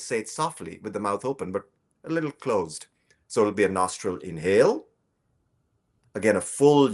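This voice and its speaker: Low-voiced guy teaching breathwork, calm and slow, soft guiding tone. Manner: calm, slow explanatory teaching with drawn-out phrases; soft guiding instructions during practice. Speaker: breathing instructor. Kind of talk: guided breathing lesson.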